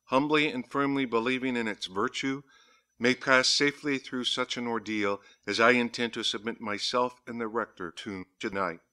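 Bright-toned man narrating a gothic diary. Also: mid-range voice. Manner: measured, dramatic reading. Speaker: audiobook narrator.

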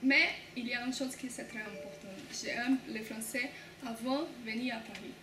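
A woman's voice: a little high, normal speed. A young Brazilian woman, a student, answering interview questions in hesitant, restarting French. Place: classroom by a window. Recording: echoey room, background noise.

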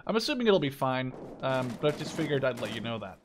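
Very animated and quick, this young man's mid-range voice carries his rambling commentary over his own gameplay for his gaming channel. He sometimes swears at surprises, while game gunfire, artillery and slight background noise play behind him.

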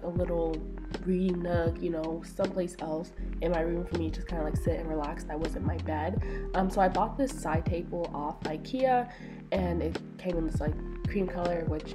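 A young woman with a stuffy nose talks through a relaxed voice-over, chatty and self-mocking, leaning on lots of fillers. Her voice sits a little low for a woman. Loud music plays behind her. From Florida, USA. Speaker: lifestyle vlogger. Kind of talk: casual voice-over narration. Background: loud background music.

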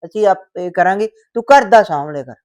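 A woman's voice: mid-range voice, animated, brisk, darkish tone, natural voice. An actress with a Punjabi accent playing a stern, suspicious older mother-in-law who scolds and lectures, in a village short-film drama. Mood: scolding.

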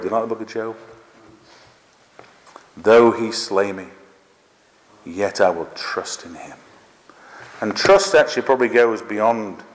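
A middle-aged man preaching a sermon in a church meeting house, emphatic and asking the congregation rhetorical questions. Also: on the low side. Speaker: pastor. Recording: long church hall reverb.

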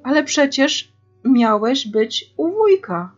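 A woman voicing a young girl who shouts and squeals with joy in a storybook reading. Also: sits high, sing-song, slow, highs cut off, soft background music, exaggerated voice. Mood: squealing. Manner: shrieking names with joy. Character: young girl, excited and loud.

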